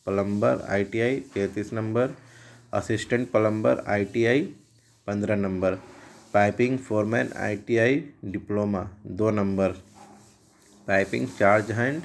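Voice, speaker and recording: A man hosting a job listings channel, reading out job advertisements in a steady, list-like way, trade after trade and figure after figure. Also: lowish voice.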